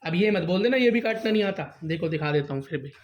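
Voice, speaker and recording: High-voiced male teacher quizzing his class. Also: expressive, quick pace, dull audio. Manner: quizzes students, calls them "beta", answers his own questions. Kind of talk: classroom science lesson.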